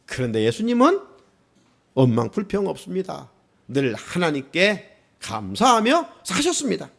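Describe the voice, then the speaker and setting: A man's voice: sits high, wildly swooping pitch, a little slow, creaky. A male pastor preaching a sermon, asking the congregation questions and rising into exclamations.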